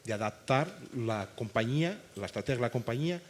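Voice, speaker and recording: Speaking fairly quickly in an expressive mid-range voice, this Portuguese man with a Portuguese accent is a panelist on a conference stage, emphatic and constantly checking on listeners with "¿vale?". Slight background noise is audible.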